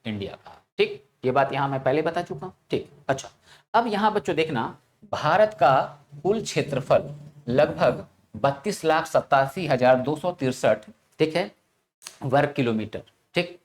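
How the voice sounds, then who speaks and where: A man's voice: fairly high pitch, animated, unhurried. Male teacher drilling answers by repetition. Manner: asks rhetorical questions, repeats answers, frequent "theek na". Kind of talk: classroom lecture.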